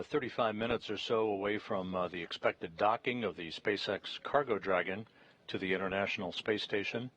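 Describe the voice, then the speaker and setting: Low-voiced American mission control commentator. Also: male voice, a bit bright, husky.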